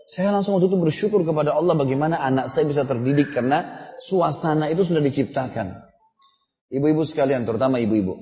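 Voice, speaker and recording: A middle-aged man preaches and tells family stories in a conversational way, talking straight to his listeners. His voice sits a little high but sounds warm and mellow. A long reverb trails his words, as if he were in a large hall. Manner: conversational storytelling, addresses the audience directly. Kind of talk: Islamic sermon with personal stories.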